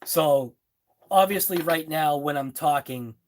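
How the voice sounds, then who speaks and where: A middle-aged man with a Boston accent and a slightly high voice chats casually on a live stream, answering viewers' comments. He's slow and rambling, laid-back, with fillers and laughs, recorded on a phone with slight background noise.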